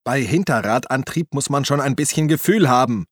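A man voicing a brash male police officer in an audiobook, barking orders and shouting. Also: mid-range voice, moderate pace, no room sound, clean studio sound, natural voice. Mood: bossy. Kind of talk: audiobook character voice.

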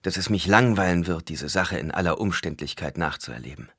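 Guy reading as a blind young ruler, calm and in charge, deep lively voice. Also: creaky, breathy edge, dry recording, studio quality, heavily acted. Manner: calm, measured, authoritative.

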